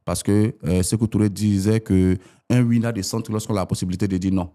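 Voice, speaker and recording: A man in his forties from Ivory Coast, a politician arguing his points as a guest in an interview. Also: fairly quick. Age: 40s. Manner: animated, rising pitch when arguing.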